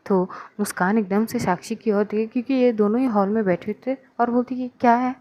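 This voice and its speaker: A woman's voice: a little high, steady tone, brisk. A woman narrating a serialized love story in a casual, conversational way. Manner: conversational, warm sign-off wishes.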